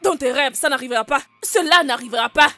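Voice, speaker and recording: A jealous, menacing wife. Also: female voice, high-pitched, fast, bright, forceful tone, soft background music. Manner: commanding, harsh and insistent. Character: jealous, scheming adult wife, cruel and threatening. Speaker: jealous wife in a dubbed film. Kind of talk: French film dub acting.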